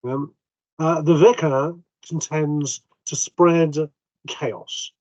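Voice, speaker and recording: Here a game master speaks in a fairly high, slightly mellow voice with fairly even intonation and drawn-out words, no echo. Chatty and halting with ums, he takes on the vicar in quotes, over a dull, dry home mic.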